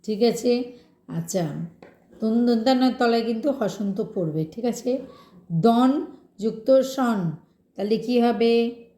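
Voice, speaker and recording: Slow patient woman teacher, echoey room. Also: on the high side, dark tone. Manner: slow, patient, asks students questions. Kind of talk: Bengali grammar lesson.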